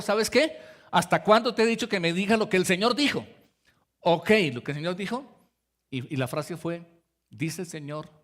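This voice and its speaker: A man's voice: fairly high pitch, fairly bright tone. A man delivers a sermon. He preaches in a conversational way, turning to his listeners directly and acting out the voices in the stories he tells. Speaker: pastor.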